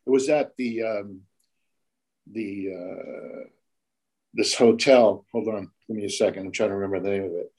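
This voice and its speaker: A man's voice: on the low side, normal speed, a little mellow, poor audio. An older man, a tattoo artist, telling stories in a casual, profane way and acting out the voices of the people in them. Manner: profane, acts out quoted voices. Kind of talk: casual storytelling.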